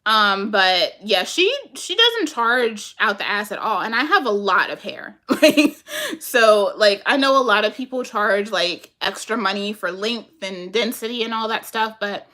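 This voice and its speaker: A woman chatting casually with her viewers and answering their comments, animated and laughing often, talking to them as "y'all". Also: medium pitch, measured pace.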